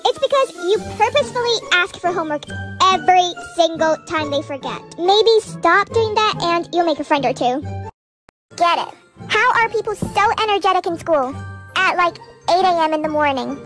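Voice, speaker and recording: A woman's voice: extremely high pitch, normal speed, a bit bright, soft background music. A young woman ranting in a chatty, exasperated vlog monologue. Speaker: vlogger. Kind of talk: relatable storytime monologue.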